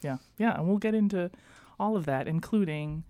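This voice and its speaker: A woman hosting a radio program in a studio, giving a gentle, gracious introduction and interviewing her guest. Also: lowish voice, normal speed, no room sound. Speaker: radio host.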